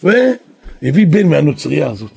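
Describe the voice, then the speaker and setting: A man, a rabbi and yeshiva head, telling a story in a sermon, animated and now and then calling out quoted lines loudly. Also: a little high. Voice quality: raspy.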